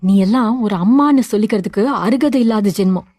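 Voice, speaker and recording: A woman voicing a defiant young daughter in a story, with a sharp, scolding way of talking. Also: mid-range voice, brisk, no room sound, close to an everyday voice. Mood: furious. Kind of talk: audio drama reading.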